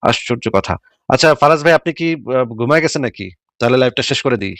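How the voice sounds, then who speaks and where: A man hosting a live stream, commenting quickly and mockingly with rhetorical questions. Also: mid-range voice, expressive, a bit bright, no room sound, clean studio sound.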